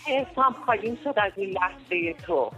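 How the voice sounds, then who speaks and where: Female radio caller, teasing and mocking, mid pitch. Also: animated, fairly bright tone, lo-fi sound, soft background music. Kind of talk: call-in radio chat.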